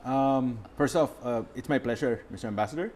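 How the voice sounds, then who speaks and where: A young man, answering interview questions as a guest photographer and pausing often to find his words. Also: medium pitch, darkish tone, slight background noise. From Philippines. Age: young adult. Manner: reflective, searching for words with many fillers.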